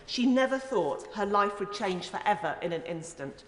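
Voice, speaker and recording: A woman's voice: medium pitch, lively intonation, moderate pace. A woman, a member of parliament, giving an earnest, emphatic and rhetorical speech in a formal parliamentary debate. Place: large indoor parliamentary chamber. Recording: echoey, reverberant debating chamber.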